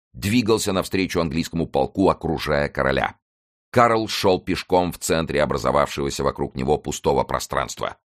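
A man reading an adventure novel aloud as narrator, steady and measured. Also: a bass voice. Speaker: audiobook narrator. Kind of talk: scripted narration.

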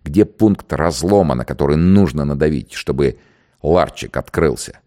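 A man voicing a calm, dignified condemned poet. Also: extremely low pitch. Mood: reflective. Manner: measured, quiet, reflective. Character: calm, dignified male poet facing execution. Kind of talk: dramatized reading of a dialogue.

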